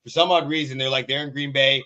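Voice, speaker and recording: A man's voice: mid-range voice, fairly even intonation, fast talker, pushed and bright, muffled recording. A man talking sports on a casual podcast, assertive and repeating his points.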